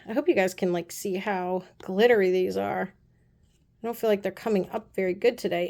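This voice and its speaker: A woman casually chatting through a nail art haul, gushing and often dropping her voice to soft low asides. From United States. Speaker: beauty vlogger. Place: apartment room.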